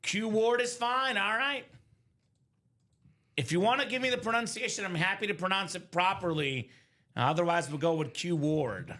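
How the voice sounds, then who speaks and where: A man in his thirties hosting a live card break, chatty and energetic, calling out names and teams. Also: high voice, normal speed. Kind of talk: live stream commentary.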